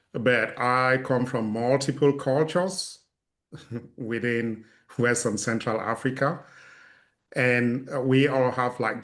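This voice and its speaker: Man, middle-aged, from Cameroon, panelist, measured, hesitant, video call. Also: mid-range voice, a bit bright. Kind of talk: casual self-introduction.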